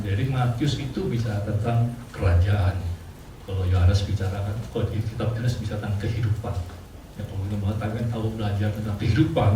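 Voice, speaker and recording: A male pastor giving a casual, conversational sermon, chatty and quick to laugh, with plenty of fillers. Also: on the low side, background noise. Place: church hall. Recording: distant mic in echoey church hall with faint ambience.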